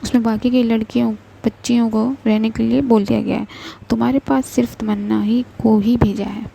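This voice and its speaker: A woman doing a gently firm middle-aged mother. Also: on the high side, flat delivery, moderate pace, creaky, a little hiss or hum. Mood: coaxing. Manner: soothing, coaxing.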